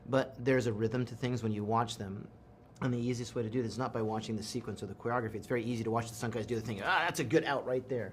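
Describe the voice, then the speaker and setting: A man's voice: mid-range voice, fast, a little hiss or hum. A man being interviewed as an action film director, giving casual, rambling, enthusiastic explanations full of analogies. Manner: animated rambling explanations with self-quotes and analogies.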